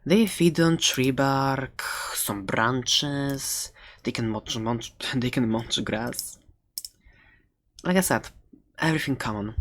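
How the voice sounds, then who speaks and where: Here the performer's mid-range voice carries a soft ASMR roleplay as a talkative, eager shopkeeper selling dragon eggs who also goes adventuring. The delivery is playful and meandering, laced with light sarcasm.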